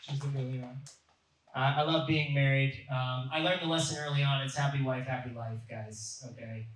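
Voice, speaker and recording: A young adult man performing a stand-up comedy set in a comedy club, telling deadpan, self-mocking jokes. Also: mid-range voice, normal speed, far from the mic, a little hiss or hum. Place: comedy club stage, audience laughing. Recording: echoey club, mic heard from afar.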